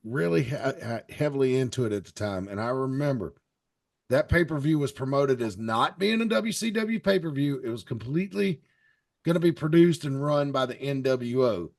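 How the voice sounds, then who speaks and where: Gravelly man rambling casually. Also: mid-range voice, expressive, moderate pace, darkish tone. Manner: rambling, hesitant, fillers. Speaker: podcast panelist. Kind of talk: casual chat.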